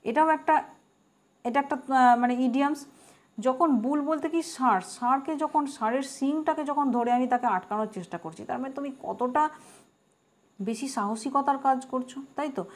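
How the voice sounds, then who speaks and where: A woman's voice: high voice, fairly quick. A woman teaching an exam-prep grammar lesson, explaining words patiently, repeating them and spelling them out letter by letter. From West Bengal.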